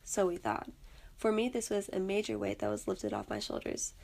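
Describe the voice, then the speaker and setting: A woman's voice: mid-range voice, big pitch swings, normal speed, vocal fry, a little mellow. A young woman earnestly reading aloud a personal story she wrote as a student. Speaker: student narrator.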